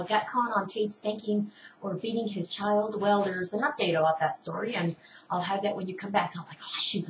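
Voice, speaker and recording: A woman's voice: mid-range voice, slight background noise. A middle-aged woman hosting an online show, telling personal stories in a rambling way with many restarts. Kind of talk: casual personal storytelling. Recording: distant, roomy, dull home recording.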